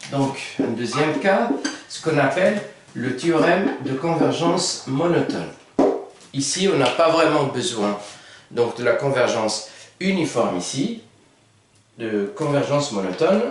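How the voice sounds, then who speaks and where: A man's voice: medium pitch, big pitch swings, measured pace, slight background noise. Echoey, hesitant male math teacher. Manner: hesitant, many fillers and self-corrections. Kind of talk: whiteboard math lesson. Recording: echoey room, mic far off.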